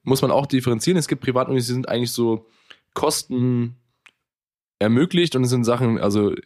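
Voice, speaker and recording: A man's voice: mid-range voice, brisk, a little mellow. A young man co-hosting a podcast, chatting casually with teasing remarks and chuckles. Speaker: podcast co-host. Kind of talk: casual chat.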